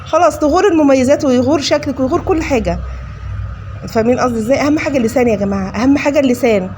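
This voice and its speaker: Egyptian woman cooking vlogger, rapid-fire, slightly high voice, scolding tone, faint noise behind. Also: darkish tone. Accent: Egyptian Arabic. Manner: scolding, preachy; addresses viewers as "kids". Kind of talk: casual chat while cooking.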